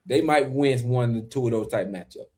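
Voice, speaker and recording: A man in his forties who used to play football tells stories in loose podcast chat. He gets animated and emphatic, with sudden punchy outbursts. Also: mid-range voice, moderate pace. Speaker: podcast co-host, former pro football player. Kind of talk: casual chat.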